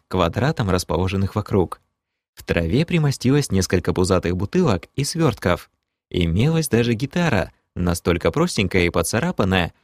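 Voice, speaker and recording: A man's voice: fairly low pitch, dry recording, studio quality. A man narrating a first-person fantasy audiobook in a wry, ironic storytelling manner.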